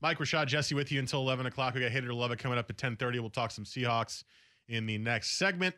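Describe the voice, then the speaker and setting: A man's voice: medium pitch, fast, bright, forceful tone. A man hosting a sports radio show, bantering and teasing his co-host in a playful way. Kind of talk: casual sports radio talk. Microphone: studio mic.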